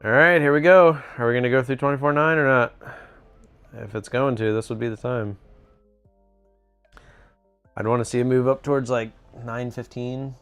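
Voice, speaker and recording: A man's voice: mid-range voice, fairly even intonation, moderate pace, pauses often, a bit bright, clear, resonant tone, faint music behind. A man hosting a casual live trading stream from a cruise ship, chatting easily and reading viewer comments aloud. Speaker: livestream trading host.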